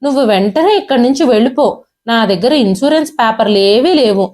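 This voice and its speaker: A woman's voice: fairly high pitch, animated, a little fast, close to an everyday voice. A woman storyteller voicing a cruel, arrogant grown son who talks down to his father harshly. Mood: dismissive. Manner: harsh, dismissive, yelling.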